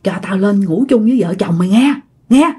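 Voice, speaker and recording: A man's voice: high-pitched, expressive, a little fast, darkish tone, slightly rough, heavily acted. A woman voicing a frightened man pleading to share a bed, begging.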